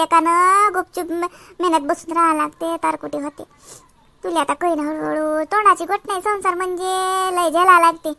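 A woman playing a very high-voiced long-suffering aunt. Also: sharp tone, no echo, heavily acted. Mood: resigned. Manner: pleading, preachy about endurance. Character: middle-aged long-suffering aunt, a patient wife. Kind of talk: comedy skit acting.

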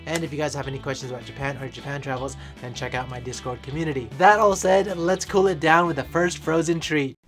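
A man's voice: on the high side, fairly even intonation, fast, few pauses, music in the background. A man hosting a casual food review, upbeat and chatty, with lots of filler words. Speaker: host.

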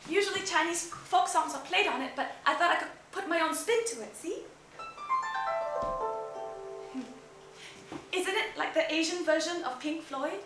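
A woman's voice: extremely high pitch, fairly quick, pitched above the performer's own voice. A woman acting a young immigrant girl with a Singaporean accent who speaks hesitantly and giggles a lot, in a roomy space. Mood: playful. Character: nervous young immigrant girl, earnest and playful. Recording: roomy stage sound.

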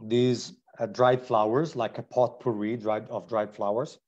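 A man's voice: medium pitch, flat delivery, unhurried, a little mellow, dull audio. A man with an Italian accent hosting a live online wine tasting, describing wines with enthusiasm and frequent restarts. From Italy.

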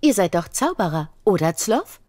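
A woman's voice: on the low side, very animated, normal speed, dark tone, no room sound. A woman voicing a kind, polite, earnest young elf princess in a video game. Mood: curious. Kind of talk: video game character dialogue.

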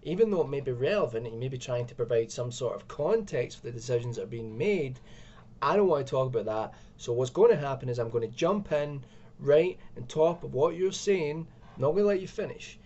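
A young video commentator rants into a webcam from a room at home, sounding exasperated and sarcastic. His mid-range voice is warm and brisk, with lively intonation, though the recording is muffled.

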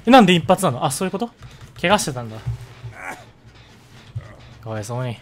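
Joking streamer with a Sanuki accent. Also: male voice, on the high side, very animated, a little fast, a little hiss or hum. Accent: Sanuki dialect of Japanese. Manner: joking, muttered asides to himself. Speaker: game streamer. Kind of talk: live gameplay commentary.

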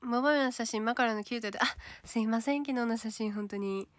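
A chatty woman with a Kansai accent, her voice sitting a little above the usual for women. She talks in a relaxed livestream style and slips into a soft whisper now and then. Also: on the high side, fast talker, no echo. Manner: chatty, reads comments aloud, drops to a soft whisper at times. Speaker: idol livestreamer reading viewer comments. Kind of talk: casual livestream chat.

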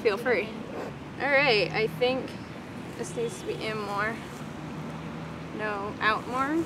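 A woman's voice: fairly high pitch, slow pace, very noisy. A young woman from Long Island, chatting and joking at herself through a casual vlog in a theme park. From Long Island, New York. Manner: chatty and self-mocking, many fillers. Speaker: vlogger host. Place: outdoor theme park streets. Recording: loud crowd and music behind.

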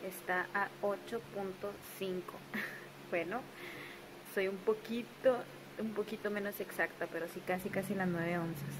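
Chatty woman in a noisy home video. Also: mid-range voice. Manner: chatty, repeats phrases, coos affectionately. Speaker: vlogger and new mother. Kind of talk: casual home vlog. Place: bedroom at home. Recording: home video with steady background noise.

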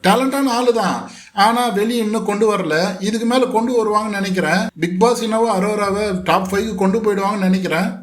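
Sarcastic high-voiced male commentator, roomy. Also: fast talker. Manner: sarcastic, mocking retorts. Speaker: reality show commentator. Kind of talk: casual commentary talking back to a clip.

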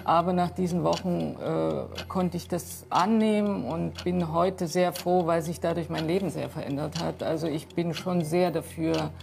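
Female panel guest, low and gravelly, halting and reflective. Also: steady tone, a little mellow. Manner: thoughtful, hesitant, many fillers. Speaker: talk show guest. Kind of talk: studio discussion. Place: TV studio.

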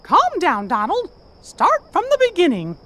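Cheerful cartoon mouse hero, squeaky falsetto, bouncing pitch, game music under. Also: male voice, wildly swooping pitch, a little slow, pushed and bright, heavily acted. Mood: earnest. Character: cheerful plucky cartoon mouse musketeer, male.

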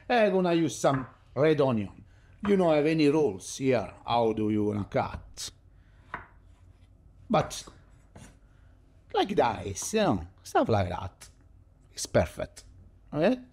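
A middle-aged Italian cooking show host demonstrates a recipe in his home kitchen, chatting casually in non-native English with an Italian accent. His voice is medium-pitched with a darkish tone.

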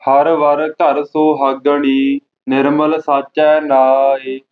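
A man recites scripture in a very slow, flat chant, one line at a time. His voice has a middle pitch. The sound is tinny, like a phone line. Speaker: student reciter.

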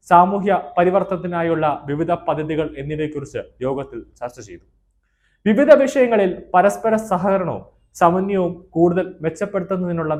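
A man presenting a news report in a formal tone, reading out long lists of names and titles. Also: fairly high pitch.

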